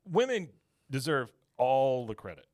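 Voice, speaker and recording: A man's voice: mid-range voice, sing-song, measured pace, a little mellow, no echo, studio quality. A man co-hosting a podcast, talking in a rambling, casual way with frequent laughs. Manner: rambling, laughing, self-deprecating. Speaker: podcast co-host. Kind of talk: casual chat.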